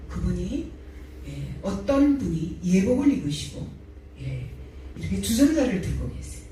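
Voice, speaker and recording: A woman preacher recounts her testimony, her mellow, slightly high voice rising with feeling at the climaxes. She is heard from a distance in a very reverberant church hall. A faint hiss sits behind her. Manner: emotional storytelling, pitch rising in climaxes. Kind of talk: testimony sermon. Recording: echoey church hall from far off, faint noise.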